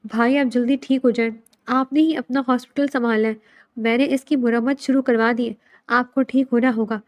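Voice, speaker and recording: A woman's voice: a little high, fairly even intonation, a little mellow, no room sound, clean studio sound, close to an everyday voice. A woman reading the lines of an angry, proud young man who speaks harshly, in a storybook drama. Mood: urgent.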